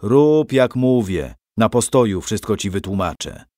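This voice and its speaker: A man voicing a stern middle-aged nobleman father in a storybook reading, speaking in measured, old-fashioned phrasing. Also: on the low side, expressive, mellow, dry recording, studio quality. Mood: firm.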